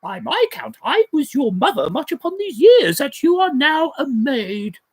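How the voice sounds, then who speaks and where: A woman voicing a composed noble mother who speaks in a measured, formal and persuasive way, in a theatrical play reading. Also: high-pitched, very animated, exaggerated voice.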